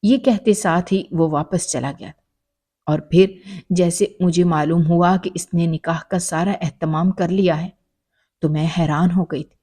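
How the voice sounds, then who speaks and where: A woman's voice: lowish voice, fairly even intonation, warm tone. A woman telling a dramatic first-person story in an emotional narrating style.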